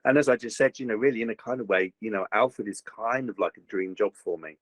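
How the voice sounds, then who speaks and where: A man's voice: fairly low pitch, quick pace, dry recording, poor audio. A voice actor, a man, chatting in an interview with lots of "you know" fillers and restarts. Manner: animated, many fillers and restarts. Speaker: voice actor guest. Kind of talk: casual interview chat. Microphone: home recording booth.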